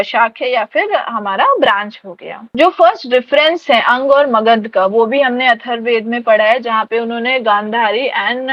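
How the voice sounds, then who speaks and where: A woman's voice: fairly high pitch, no room sound, lo-fi sound. A woman teacher giving an exam-prep lecture, mixing Hindi and English terms, hesitating and restarting often.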